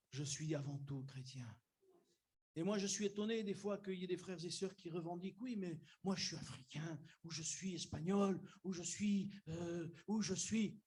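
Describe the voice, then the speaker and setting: A pastor from Algeria, a man with a high, slightly rough voice, preaches a sermon in church. He chats directly with the congregation and builds up to emphatic declarations.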